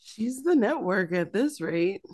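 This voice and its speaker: A woman's voice: mid-range voice, lively intonation, a little slow, a little mellow. An American woman co-hosting a chat podcast. She talks in a loose, chatty way, with plenty of "um"s and "you know"s between her thoughts. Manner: chatty, uses many fillers. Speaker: podcast co-host. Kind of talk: casual chat.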